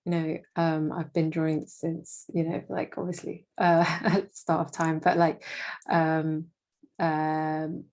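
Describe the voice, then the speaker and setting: Young woman guest, low and even in pitch, hesitant and full of fillers. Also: takes it slowly. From Indonesia. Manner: hesitant, many fillers and restarts. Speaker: guest, freelance marketing manager. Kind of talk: casual interview.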